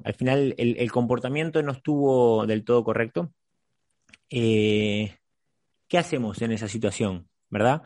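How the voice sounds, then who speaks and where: Halting male podcast host, dry close sound. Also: medium pitch, dry recording. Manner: halting, repeats words while thinking. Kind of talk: conversational podcast discussion.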